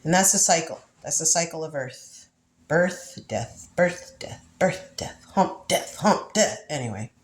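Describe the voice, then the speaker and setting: Congested from the flu, a woman in her fifties who reads tarot muses her way through a reading in casual spiritual talk. Her voice sits low and is animated yet measured in pace, with a reverberant sound, and she laughs often and repeats herself.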